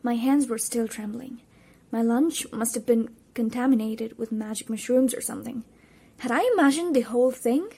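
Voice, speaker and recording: A woman reading a children's adventure novel aloud in the first person, expressive and giving the characters voices. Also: fairly high pitch, moderate pace, creaky, breathy edge. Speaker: audiobook reader. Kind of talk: storybook narration in first person.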